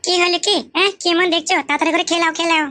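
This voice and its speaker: A flustered young wife, voiced by a woman pleads in a high, bright voice. She talks fast and repeats herself. It is a comic skit. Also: flat delivery, a little hiss or hum. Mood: pleading.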